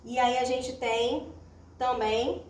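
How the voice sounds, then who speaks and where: A woman's voice: fairly high pitch, steady tone, takes it slowly. A Brazilian woman teacher giving a grammar lesson at a whiteboard, explaining step by step and checking in with her students. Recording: roomy echo, distant mic, faint hiss.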